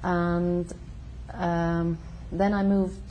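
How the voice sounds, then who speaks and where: Brief: young woman, low mellow voice, hesitant pauses. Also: little pitch movement, a little hiss or hum. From Sweden. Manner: hesitant, pausing with ums. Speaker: interview guest. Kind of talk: conversational interview. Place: living room of a home.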